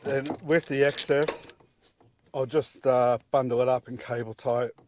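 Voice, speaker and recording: Against background noise, a middle-aged DIY presenter offers practical instructions in a casual step-by-step tutorial. His mid-range voice is fairly even and measured, and he works at the engine bay outdoors and in the vehicle cab.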